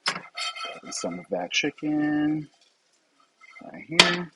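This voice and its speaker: A man casually narrating as he cooks breakfast in his home kitchen, relaxed and talking to the camera with joking asides. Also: fairly high pitch, extremely slow, creaky, slightly rough, no echo, rough recording. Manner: relaxed, talks to camera while cooking, self-deprecating asides. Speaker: home cooking vlogger.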